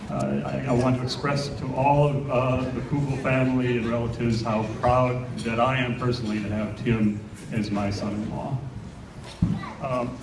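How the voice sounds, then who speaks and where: A middle-aged American man giving a humorous father of the bride speech at a wedding, in an informal, hesitant storytelling way. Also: mid-range voice. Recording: echoey room, distant mic, noisy with clicks.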